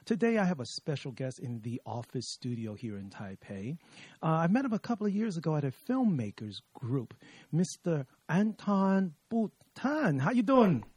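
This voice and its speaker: A middle-aged man hosting a podcast from an office studio, chatty and lively, with many fillers as he talks to his guest. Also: on the high side, normal speed, breathy edge, no room sound. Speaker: podcast host.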